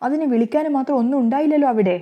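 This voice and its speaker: A patient young husband and son, put on by a woman storyteller, placating and quick in a fairly high voice. The recording is a bit muffled. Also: lightly acted. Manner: quiet, placating.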